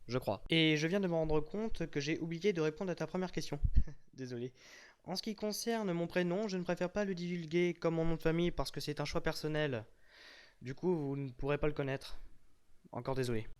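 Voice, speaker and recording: A young man casually answering fan questions in a voice-over, joking and teasing with mock-serious asides. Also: a little high. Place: unseen voice-over.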